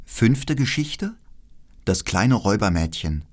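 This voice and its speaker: A man narrates a fairy tale in a deep-leaning voice. His delivery is expressive, swinging widely in pitch as he tells the story. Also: slow pace. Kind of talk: fairy tale read aloud.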